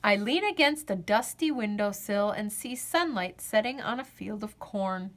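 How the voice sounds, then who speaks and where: A woman reads a picture book for children aloud in a mid-range voice. Her storytelling is expressive and unhurriedly deliberate, and she stretches out the refrains.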